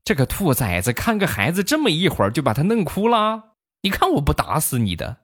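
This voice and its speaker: A man voicing an old woman who screams scolding threats at her son, hoarse and strained, in a comic story. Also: on the high side, huge pitch swings, a little fast, voice pushed up, full character voice. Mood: furious. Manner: yelling threats. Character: shrill scolding grandmother, furious at her son.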